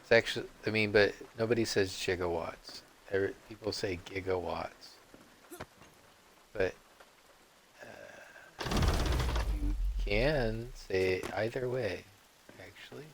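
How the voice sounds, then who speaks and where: A man streaming a game, rambling off on tangents and often clearing his throat. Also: on the low side, steady tone, unhurried, pauses often, noisy background. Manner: meandering, digressive, frequent throat clearing. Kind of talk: rambling live-stream commentary.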